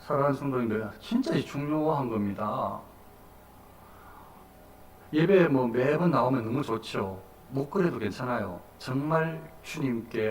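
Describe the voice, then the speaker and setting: A male pastor preaching a sermon in an emphatic, animated way, recorded from a distance in a church sanctuary. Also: medium pitch. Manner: animated, emphatic, acts out the crowd. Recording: echoey hall, distant mic.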